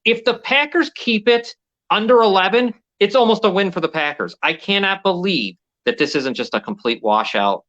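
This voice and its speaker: A man's voice: high voice, lively intonation, normal speed, a bit bright, highs cut off. A man co-hosting a sports betting show, rambling through game picks in casual chat and swearing now and then. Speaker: sports betting podcast co-host.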